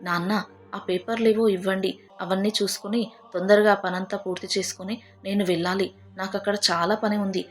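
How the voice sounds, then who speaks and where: A woman's voice: mid-range voice, fairly even intonation, normal speed, soft background music, lightly acted. A woman voicing a selfish grown son in a storybook, talking in an offhand, self-excusing way. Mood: dismissive.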